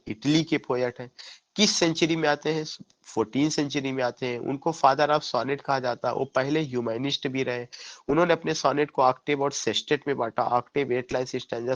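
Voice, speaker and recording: A man's voice: medium pitch, steady tone, fairly quick, a bit bright. A male teacher giving an exam-prep lecture on English poetry. He asks a question and answers it himself, repeating the key points so students remember them. He mixes English literary terms into his Hindi.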